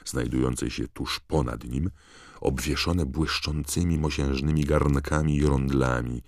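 A man reading an audiobook in measured storytelling narration. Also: rumbling low, fairly even intonation, creaky, no room sound. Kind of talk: scripted narration.

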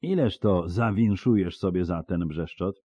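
A man's voice: sits low, a little slow, warm tone, no echo, highs cut off. A man voicing a harsh, menacing bounty hunter in an audiobook, curt and growling. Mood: gruff. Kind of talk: audiobook character voice.

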